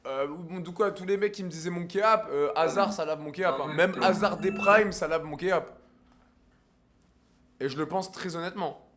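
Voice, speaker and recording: A man's voice: high voice, normal speed, fairly bright tone, a little hiss or hum. A man with a French accent streaming casually, crude and joking, mixing in English and Spanish. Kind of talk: casual live-stream chat.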